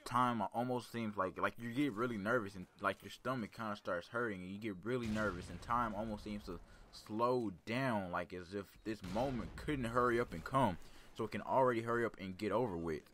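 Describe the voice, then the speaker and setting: A young man telling a personal story in a casual, rambling way, with a calm, laid-back, serious delivery. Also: fairly low pitch, brisk, a little hiss or hum.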